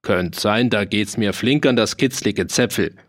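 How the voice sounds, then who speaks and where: A man with a fairly low, fairly bright voice and slightly slow pace plays a cheerful, roguish mercenary with a dialect. The mood is jovial and boastful, full of teasing and bursts of laughter.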